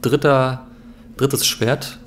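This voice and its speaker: A man's voice: mid-range voice, fairly even intonation, very slow, a little hiss or hum. A young man giving casual let's play commentary in a laid-back, musing way. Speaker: let's player. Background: game ambience.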